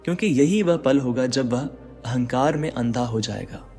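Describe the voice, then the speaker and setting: Guy doing intense motivational narration, talks right at you, echoey reverb, soft music under it. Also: mid-range voice, moderate pace. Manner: addresses the listener directly with rhetorical questions. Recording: long reverb with faint background music.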